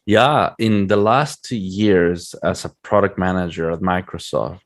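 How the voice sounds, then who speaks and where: Low and a little slow, this man's voice comes from a product manager from Mexico City, a native Spanish speaker with a Mexican accent, answering interview questions as a guest in a conversational way.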